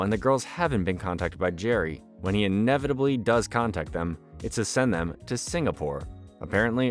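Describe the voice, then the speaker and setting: A man delivering scripted narration as a recap storyteller, with the occasional wry aside. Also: lowish voice. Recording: music bed behind voice.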